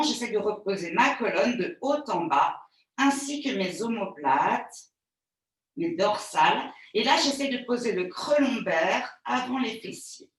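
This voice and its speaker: A woman pilates instructor giving calm, soothing step-by-step cues and counting breaths for a live class. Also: fairly high pitch. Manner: calm, soothing, gently reassuring. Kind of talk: guided exercise class. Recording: very echoey room, voice far from the mic.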